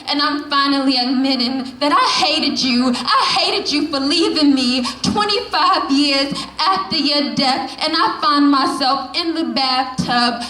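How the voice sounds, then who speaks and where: With a high-pitched, slightly bright voice and a bit of background noise, a young woman from the Bronx performs spoken word at a poetry café open mic. She delivers her lines with passion and rhythm, repeating them for emphasis in an echoey reading room with faint ambient sound.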